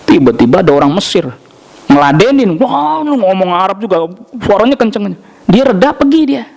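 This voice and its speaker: Man, preacher, animated storytelling, higher voice, mosque lecture. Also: normal speed, gravelly. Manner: lively storytelling with jokes and acted quotes; answers audience questions directly. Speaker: Islamic preacher.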